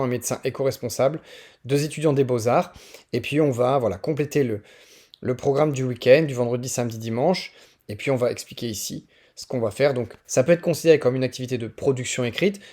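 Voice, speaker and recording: A man from northern France with a French accent and a darkish, mid-range voice presents teaching resources in an informal, explanatory screen tutorial. He often hesitates as he thinks aloud.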